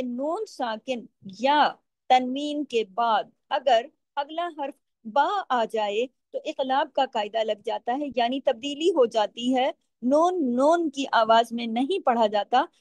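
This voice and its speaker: A woman teaching Quran recitation rules step by step, patiently asking questions and answering them herself, and drawing out the recited words slowly. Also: sits high, a little mellow, no echo. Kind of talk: step-by-step tajweed lesson.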